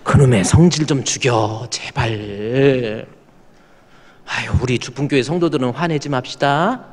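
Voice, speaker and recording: A man's voice: medium pitch, creaky. A male pastor delivers a sermon in a church, his voice carrying a long hall reverb. He talks in a folksy storytelling way and keeps prompting the congregation to respond. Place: church sanctuary.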